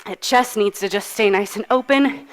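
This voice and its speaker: Soft music plays in the background as a woman with a mid-range voice coaches a live workout at a moderate pace in a fitness studio. She's out of breath while exercising, cueing moves and counting down in an upbeat, encouraging manner.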